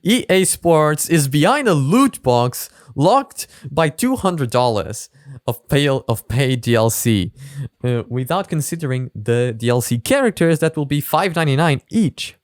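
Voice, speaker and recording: A man chatting through a reaction video, rambling with lots of fillers. His pitch moves around in a lively way, and the recording sounds dry and close. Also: unhurried, no room sound. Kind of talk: casual reaction commentary.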